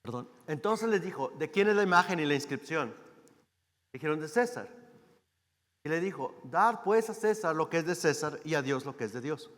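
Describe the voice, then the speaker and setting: A man's voice: on the high side, animated, normal speed, a bit bright, long reverb tail. A man preaching a sermon as a guest speaker, talking in a conversational way and often asking the congregation questions. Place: church hall.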